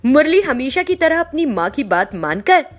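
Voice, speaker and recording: A woman's voice: high voice, very animated, normal speed, soft background music. Woman narrating a cartoon story.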